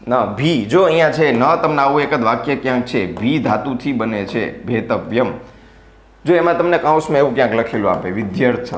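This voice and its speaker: Man, teacher, lively revision class, teases students, echoey room sound. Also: medium pitch.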